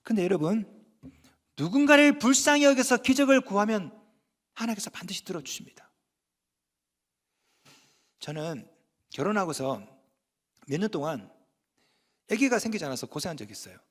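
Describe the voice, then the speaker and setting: High-voiced Korean pastor in a reverberant church. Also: male voice, animated, normal speed, pauses often, a bit bright. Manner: folksy, conversational preaching with rhetorical questions. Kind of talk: sermon. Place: church sanctuary. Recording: long hall reverb.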